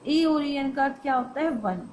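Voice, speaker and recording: A woman teacher explains a grammar lesson to students. She poses questions and answers them herself, and says the phrases slowly and with stress. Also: high-pitched, a little mellow, a little hiss or hum, rough recording.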